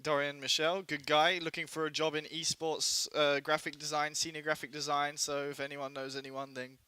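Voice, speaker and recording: A man's voice: on the high side, little pitch movement, moderate pace, pushed and bright, clear, resonant tone, dry recording. A man co-hosting a casual esports podcast in a studio, teasing and joking, his voice a little worn as he is losing it. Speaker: podcast co-host.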